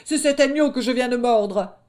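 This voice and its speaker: A woman's voice: on the high side, normal speed, darkish tone, pitched above the performer's own voice, natural voice. A woman voicing a boastful young male wolf who blusters and stammers when caught out, in a storybook reading. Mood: flustered bluster.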